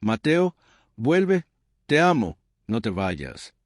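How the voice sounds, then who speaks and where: A man voicing a heartbroken young girl, crying out desperately in a high voice. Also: sing-song, measured pace, no echo, clean studio sound.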